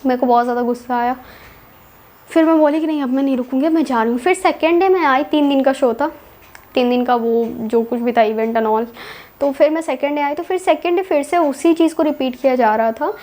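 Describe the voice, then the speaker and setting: A woman's voice: high voice, fairly quick, dark tone. A young woman vlogger telling her own story in a casual, chatty way, dropping in English words and repeating herself.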